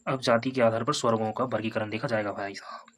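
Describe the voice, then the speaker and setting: A man teaching a Hindi grammar lesson for exam preparation. He repeats each point, sounds out vowels slowly as examples, and keeps checking in with "है ना" and "ठीक है". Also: on the low side, fairly even intonation. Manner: repetitive, explains step by step with tags like "है ना" and "ठीक है".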